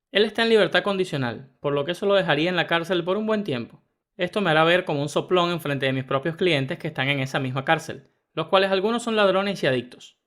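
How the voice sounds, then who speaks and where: A man with a somewhat high voice reads first-person internet stories aloud. His scripted narration moves briskly and evenly.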